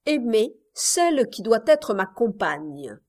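A woman's voice: on the high side, very animated, takes it slowly, a little mellow, full character voice. A woman voicing a cold, vain young village man. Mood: curt, cold. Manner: curt, impatient delivery.

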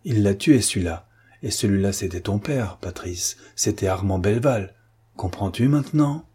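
A man reading a raised, forceful commanding gentleman. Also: lowish voice, lively intonation, moderate pace, husky. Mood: vehement. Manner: insistent, emphatic, urging. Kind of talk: audiobook character reading.

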